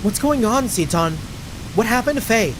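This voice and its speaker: A man's voice: very high-pitched, animated, normal speed, noisy background, pitched above the performer's own voice. A man voicing an anxious young woman. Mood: worried. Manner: worried, pleading questions. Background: game music.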